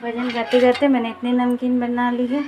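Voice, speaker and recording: Cooking at home in an echoey kitchen with background noise, a woman vlogs to her viewers, chatting casually and calling them "guys." Her voice is a little high, with a level tone and a moderate pace.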